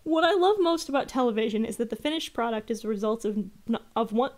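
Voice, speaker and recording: Woman, livestream host, higher voice, sarcastic, exasperated ranting, casual commentary. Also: animated, quick pace, darkish tone. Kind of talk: casual livestream commentary, reading a letter aloud.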